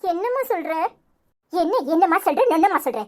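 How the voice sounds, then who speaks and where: Woman voicing a pleading young daughter in a Tamil village cartoon, Tirunelveli accent, bright high voice. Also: animated, a little fast. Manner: pleading, earnest.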